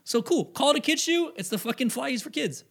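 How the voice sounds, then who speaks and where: A man's voice: very high voice, lively intonation, brisk, creaky, a bit bright. A young man co-hosting a casual chat in an emphatic, slangy frat-bro manner with some swearing. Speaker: podcast co-host.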